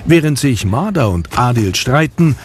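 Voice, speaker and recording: A man's voice: medium pitch, lively intonation, normal speed, crowd noise. A man narrating a scripted children's story as the narrator. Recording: music behind the voice.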